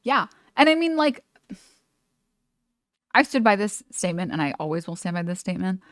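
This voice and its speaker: A woman's voice: mid-range voice, big pitch swings, moderate pace, dry recording, clean studio sound. A woman streamer giving casual reaction commentary, chatty and full of fillers, swearing freely.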